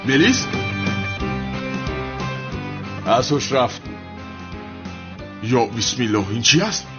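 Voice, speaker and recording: A man's voice: mid-range voice, very animated, natural voice. Man dubbing flustered helper, coaxing, fussing, muffled TV audio. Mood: exasperated. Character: flustered man fussing over a fainted girl. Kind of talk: dubbed TV drama dialogue. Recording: dull dubbed TV audio with loud music.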